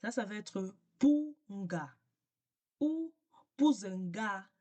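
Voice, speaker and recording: A woman giving a casual language lesson, repeating words slowly and patiently and switching between French and English. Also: medium pitch, expressive, a little mellow. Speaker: language teacher.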